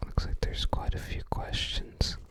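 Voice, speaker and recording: An ASMR host whispers breathily without voicing, musing aloud in short, casual fragments while leafing through a book. The pace is unhurried.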